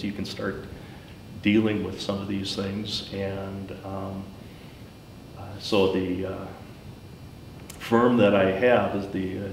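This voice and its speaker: A middle-aged man giving a personal account in informal talk, speaking haltingly and pausing often mid-sentence. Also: gravelly. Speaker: school superintendent, former teacher. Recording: roomy, distant mic, faint rumbling noise.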